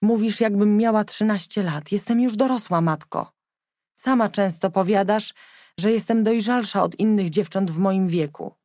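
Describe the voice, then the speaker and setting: A woman's voice: moderate pace, mellow, no echo, studio quality, lightly acted. A woman voicing a young, defiant king's daughter. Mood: insistent. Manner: higher, pleading, sometimes breathy whispering. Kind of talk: audiobook character voice.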